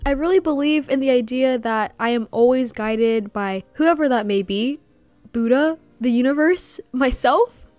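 A young woman with a high voice and measured pace hosts a personal podcast, speaking earnestly and reflectively about growing up; Vietnamese is her first language. She's soft-spoken and sincere, then breaks into giggles at the end, in a dry recording with faint music behind her.

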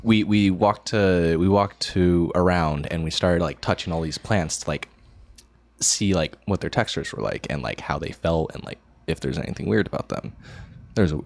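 A young man with a very low voice, chatting easily as a podcast guest. He is relaxed and swears freely. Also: normal speed, creaky, no room sound. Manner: laid-back, swears often. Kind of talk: casual chat.

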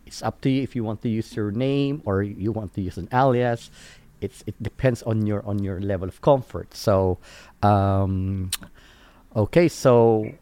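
A man with a Filipino accent hosting an informal interview in English mixed with Tagalog tags, halting and repeating his words. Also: fairly low pitch, dark tone, no room sound. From Philippines. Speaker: host interviewing a guest on a program.

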